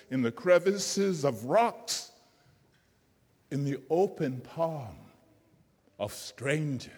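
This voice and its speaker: A wise mountain goddess speaks calmly and solemnly, as a male storyteller acts her out. Her words come slowly in a mid-high voice, echoing through a large hall. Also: exaggerated voice. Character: wise female mountain deity, calm. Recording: long hall reverb.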